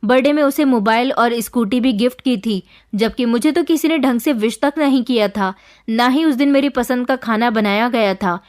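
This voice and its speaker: A woman telling a scripted first-person story with a steady, even storytelling delivery. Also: a little high, normal speed.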